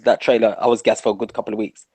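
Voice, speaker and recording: Excitable jokey co-host. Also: male voice, fairly low pitch, rapid-fire, breathy edge, rough recording. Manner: excitable, jokey, talks with a laugh. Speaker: podcast co-host. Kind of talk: casual chat.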